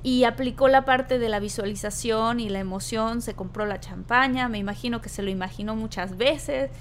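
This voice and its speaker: Enthusiastic high-voiced Mexican woman host. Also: normal speed, a little hiss or hum. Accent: Mexican Spanish. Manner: enthusiastic, exclamatory reactions. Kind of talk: casual chat.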